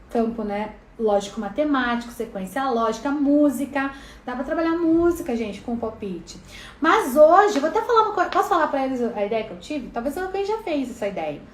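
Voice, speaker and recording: A woman's voice: sits high, a little hiss or hum. A woman with a Brazilian accent teaching a casual online lesson in a chatty way, often adding "né". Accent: Brazilian Portuguese. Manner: chatty, frequent "né" tags. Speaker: neuropsychopedagogy teacher. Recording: roomy echo.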